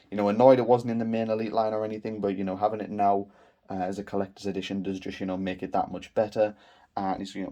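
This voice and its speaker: A man's voice: on the low side, darkish tone. A young man from the UK talking casually to camera as a collector vlogger, rambling with many fillers. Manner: rambling, heavy on fillers like "you know". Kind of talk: casual vlog talk.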